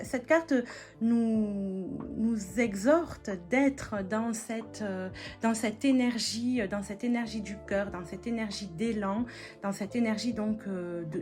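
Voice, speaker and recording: A woman reads tarot and oracle cards for the week, speaking slowly and gently. She hesitates often and restarts her phrases. Her pitch sits in the middle range, and faint music plays underneath. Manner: hesitant, many fillers and restarts; gentle spiritual guidance tone. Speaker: medium giving a weekly tarot reading. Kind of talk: weekly tarot card reading.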